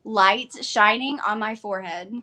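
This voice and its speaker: A woman's voice: mid-range voice, a little slow, sharp tone. A woman in her thirties with an Arkansas Southern twang, chatting casually and enthusiastically as co-host of a live stream. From Arkansas, United States. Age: 30s. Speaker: online book channel co-host.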